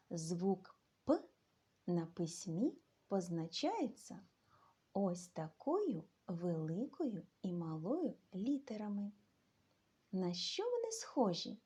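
A woman leads a children's literacy lesson, drawing her words out slowly with a lively, sing-song rise and fall. Her voice is mellow and dark, with a soft breathy edge. She speaks to small pupils at an unhurried pace. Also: medium pitch. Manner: slow, sing-song teacher's delivery addressing children. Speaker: teacher.

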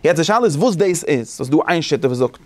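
A man teaching a casual study lesson, animated and thinking aloud with many restarts. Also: fairly high pitch, fairly quick.

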